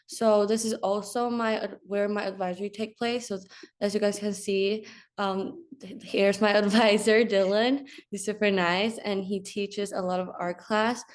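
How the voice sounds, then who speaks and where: A woman's voice: medium pitch, flat delivery, measured pace. A young woman from China, a student, casually showing viewers around her school campus with many fillers. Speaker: student tour guide. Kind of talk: informal campus tour narration.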